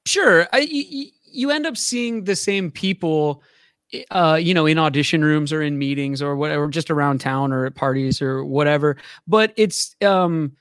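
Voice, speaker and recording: A man with a somewhat high voice, recorded close and dry with no room sound. He is an actor guest on a radio show, talking in a loose, rambling way and laughing easily. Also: moderate pace, fairly bright tone, smooth, dry recording. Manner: easygoing, rambling, laughs often. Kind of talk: casual radio interview chat.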